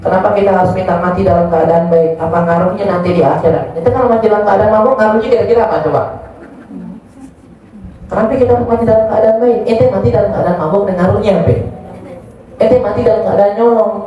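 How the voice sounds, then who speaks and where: Fast-talking joking ustaz in an echoey hall. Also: male voice, high-pitched, a little hiss or hum. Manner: joking, colloquial, reads out audience questions. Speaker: ustaz answering questions. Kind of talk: informal religious study Q&A. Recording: distant, muffled, echoey room.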